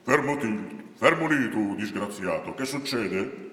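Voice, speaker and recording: A man's voice: on the low side, animated, a little slow, a bit bright. A man voicing a stern town guard who scolds and threatens. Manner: barking, scolding. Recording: echoey hall, distant mic.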